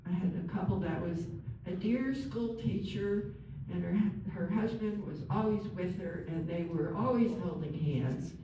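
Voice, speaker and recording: A woman working as a nurse and counsellor, giving a chatty, gentle talk to a group and acting out example phrases. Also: on the low side, measured pace, few pauses, slight background noise. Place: large room with an audience. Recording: very echoey room, far from mic.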